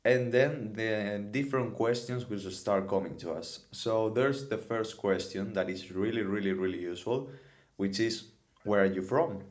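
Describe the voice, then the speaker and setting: A Spanish man in his twenties, with a low-ish voice and a Spanish accent, teaches a casual English lesson at normal speed. His phrasing is non-native, and he often repeats words for emphasis.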